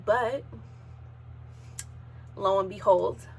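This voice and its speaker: A woman's voice: medium pitch, extremely slow, vocal fry, darkish tone, slight background noise. A woman in her thirties hosting a podcast, telling a personal story in an emotional, sometimes tearful way while holding back tears. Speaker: podcast host.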